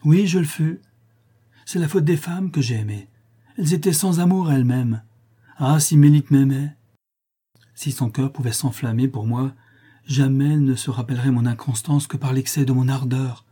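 A man voicing an ardent young gentleman who speaks in a fervent, imploring way. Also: medium pitch, normal speed, slightly rough, close to an everyday voice.

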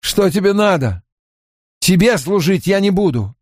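A male narrator voicing a frightened but defiant young hero, speaking hoarsely in strained outbursts. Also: high-pitched, big pitch swings, a little slow, darkish tone, no echo, studio quality, pitched above the performer's own voice, exaggerated voice. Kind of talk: audiobook character voice.

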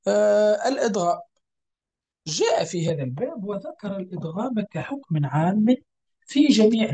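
A Quran recitation teacher gives a tajweed lesson. The teacher explains each rule patiently, repeats points, checks that students follow, and slows down to recite examples. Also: mid-range voice, mellow, breathy edge.

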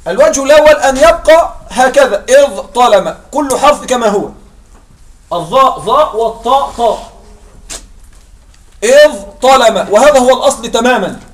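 High-voiced man teaching Arabic grammar. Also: lively intonation, normal speed. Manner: keeps checking that students follow, asks and answers his own questions. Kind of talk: classroom grammar lesson.

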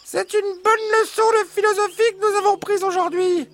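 A woman's voice: very high-pitched, steady tone, moderate pace. A woman voicing fussy, flustered farmyard hens. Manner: hesitant, full of "bah" and "euh". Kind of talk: children's audio story.

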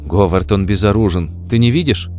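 A man's voice: lowish voice, moderate pace, darkish tone, soft background music, natural voice. A man voicing an anxious older woman who pleads and apologizes. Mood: pleading.

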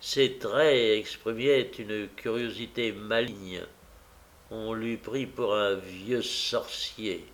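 A man narrating a classic novel as an audiobook, measured, with occasional hesitations. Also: fairly low pitch, steady tone.

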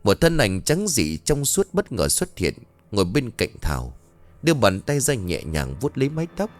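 A man's voice: fairly low pitch, wildly swooping pitch, normal speed, no echo, soft background music. A man narrating a ghost story in a dramatic storytelling manner.

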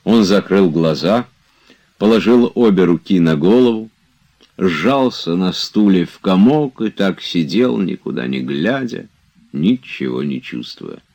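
A man giving an expressive scripted narration of a classic novel. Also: sits low, unhurried. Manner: expressive literary reading. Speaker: audiobook reader.

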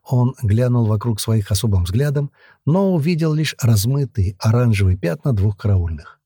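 Husky, dark-voiced male narrator. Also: mid-range voice, expressive, normal speed, dry recording, studio quality. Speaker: audiobook narrator. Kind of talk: scripted fantasy narration.

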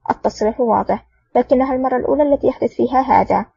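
A woman's voice: a little high, racing, creaky, mellow, slightly rough, dry recording, heavily acted. A woman reading a hesitant male guard officer. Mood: uneasy. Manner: uncertain, wavering. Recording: dull lo-fi audio.

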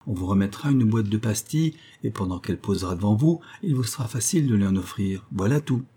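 A man's voice: fairly low pitch, lively intonation, fast talker, mellow, breathy edge. A man voicing a sinister, mysterious male stranger who speaks insistently and with menace in an audiobook. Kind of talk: audiobook character voice.

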